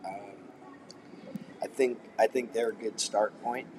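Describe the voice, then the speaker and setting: A man with a fairly low voice chats casually and haltingly as a co-host. He sits a bit off the mic, with clear coffee house noise around him. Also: fairly even intonation, recorded from a distance. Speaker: co-host reading viewer comments. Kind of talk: casual chat.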